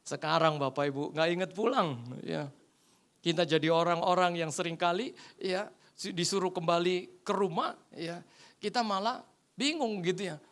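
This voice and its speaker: A male pastor delivers a humorous sermon in church, his voice sitting high and his pace moderate. Animated throughout, he tells a story and performs the different voices in it.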